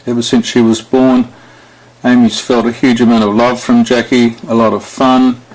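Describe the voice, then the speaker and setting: A man's voice: medium pitch, level tone, normal speed, darkish tone, rough recording. A middle-aged man giving a father of the bride speech, recorded on video for the wedding. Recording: faint background noise on home video.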